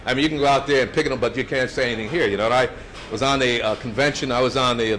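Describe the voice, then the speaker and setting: A man's voice: mid-range voice, fairly bright tone. Man in his seventies telling old stories. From United States. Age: 70s. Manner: anecdotal, chuckling, with many restarts. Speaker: speaker at a brunch event. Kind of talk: storytelling speech.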